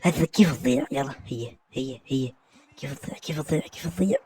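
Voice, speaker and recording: A man with an Omani Gulf Arabic accent giving live gameplay commentary as a gaming YouTuber, excitable, repeating words and bursting into shouted goal calls. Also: medium pitch, fast talker, a little hiss or hum. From Oman.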